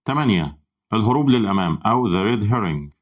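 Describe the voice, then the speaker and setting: Presenting a psychology channel, a man with an Egyptian Arabic accent reads scripted explainer narration in a fairly low-pitched voice. His delivery stays brisk, even and instructive.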